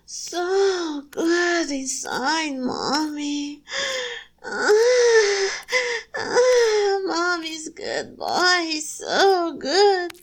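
A woman voicing a doting female succubus in an erotic audio roleplay, speaking softly and soothingly with breathy moans between phrases. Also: sits high, exaggerated voice. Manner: slow, cooing, soothing. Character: doting adult female succubus, soft motherly lover.

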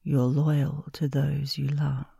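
A woman whispering softly and slowly close to the microphone, soothing a listener toward sleep in a caretaker roleplay. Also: low voice, little pitch movement, creaky, breathy edge, dry recording. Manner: soft, slow, soothing whisper.

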